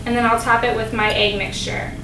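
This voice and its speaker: A young woman in her twenties, a dietetic intern, gives a cooking demonstration in a large kitchen, walking through each step in a friendly way with frequent ums and uhs. Her voice is a little high and level, her pace a little fast. A distant camera mic picks her up from afar, so the kitchen sounds roomy, with music and other background noise.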